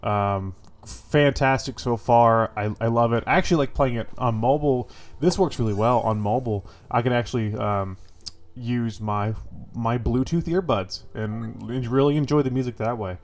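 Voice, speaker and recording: A man with a mid-range voice, stuffy and congested from a cold, talks at a moderate pace. As host of his gaming channel, he gives casual, rambling impressions of a game, full of fillers and the occasional swear.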